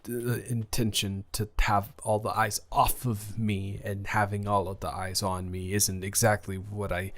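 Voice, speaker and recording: A shy outcast schoolboy in a romantic audio drama, voiced by a man, tripping over his words in a slightly low voice. He stutters, restarts and hedges as he talks, nervous and awkward, recorded close to the mic. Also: little pitch movement, unhurried, few pauses, a bit bright. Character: anxious shy new boy at school, outcast. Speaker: audio roleplay performer. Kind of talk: romantic audio role-play.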